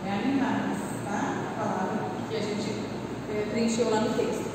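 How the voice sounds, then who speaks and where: A woman's voice: medium pitch, fairly even intonation, normal speed, very noisy. A woman in her thirties with a Brazilian Portuguese accent, a primary school teacher giving an online class lesson from a classroom with a chalkboard. She talks patiently to the children and explains each step. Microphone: camera across the room. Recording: echoey classroom from far off.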